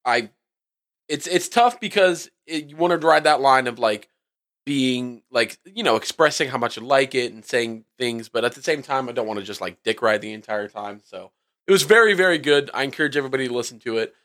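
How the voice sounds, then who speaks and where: A man's voice: medium pitch, brisk. A man hosting a casual music podcast, laughing often and steering the talk. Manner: lively, laughs often, wraps up the show. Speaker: podcast host. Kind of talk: casual chat.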